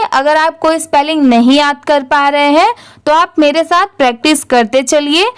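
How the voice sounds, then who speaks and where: A woman teaching English reading, spelling words letter by letter and answering her own questions. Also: sits high. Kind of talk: slow spelling-out lesson.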